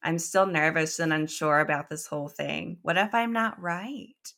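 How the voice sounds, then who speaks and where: A woman's voice: sits low, normal speed, vocal fry, a bit bright. A woman voicing a tired, ditzy young Mary who complains and frets. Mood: anxious. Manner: complaining, huffy.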